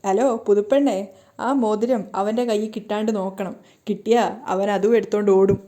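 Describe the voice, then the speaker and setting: A woman's voice: medium pitch, fairly even intonation, fairly quick, warm tone, lightly acted. A woman voicing a mocking young husband who keeps needling his family with sarcastic remarks. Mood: teasing.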